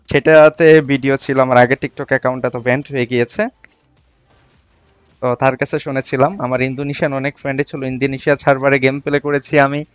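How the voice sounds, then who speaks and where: A man's voice: fairly high pitch, dry recording, lo-fi sound. A man hosting a casual livestream, reading viewer comments aloud and quizzing them. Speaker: livestream host. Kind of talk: casual live-stream chat with viewers.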